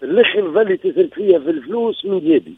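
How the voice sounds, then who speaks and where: A man in his sixties with a Tunisian accent calls in to recount trouble in his marriage, emphatic and repeating himself. His high-pitched voice swings hugely in pitch and comes out very fast, creaky, and slightly rough, over narrow, tinny audio with a dry sound.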